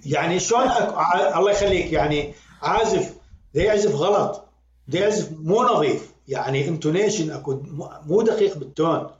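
A man with an Iraqi accent, a music critic and podcast guest, talking in an animated, emphatic way and repeating words to drive his point home. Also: a little high, brisk. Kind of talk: conversational critique. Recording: roomy, dull lo-fi sound.

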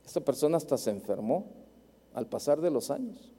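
A man's voice: on the high side, sing-song, normal speed, mellow, breathy edge, in a large hall. A man with a Mexican accent preaching a sermon as a pastor, telling a story and repeating phrases for emphasis.

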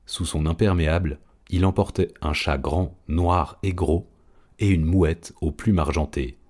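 A man narrating an audiobook in a steady, measured storytelling manner. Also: low-pitched.

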